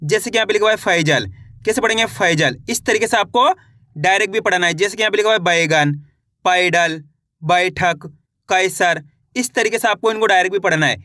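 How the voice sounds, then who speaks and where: Bright high-voiced man teaching syllables. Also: no echo, studio quality. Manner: slow syllable-by-syllable spelling, frequent rhetorical questions. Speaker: Hindi reading teacher. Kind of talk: online lesson.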